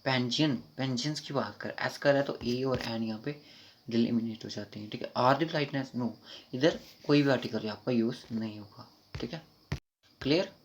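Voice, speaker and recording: A man with a Kashmiri accent teaching an online English grammar lesson, explaining quickly and informally and reading the English sentences out slowly. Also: mid-range voice, a little hiss or hum. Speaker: exam prep teacher. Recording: dull lo-fi recording.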